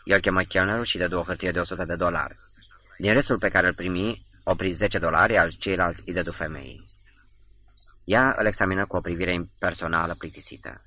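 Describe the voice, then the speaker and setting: A man narrating a novel as an audiobook, reading in a measured, literary manner. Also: sits low, sharp tone. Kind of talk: scripted narration.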